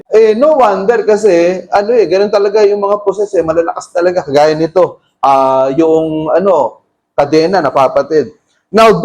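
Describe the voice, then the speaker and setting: A middle-aged Filipino pastor preaching a sermon in mixed Tagalog and English, emphatic, with sudden raised bursts. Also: male voice, sits high, low-quality recording.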